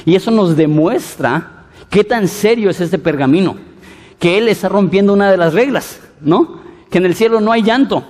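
A man preaching a Bible-teaching sermon in an expressive way, often stumbling and restarting words. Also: high-pitched, moderate pace, in a large hall. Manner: expressive, with frequent stutters and restarts.

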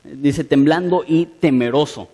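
A man's voice: a little high, unhurried, mellow, slightly rough. A man preaching a sermon in an earnest way, asking his listeners direct questions. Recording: long hall reverb.

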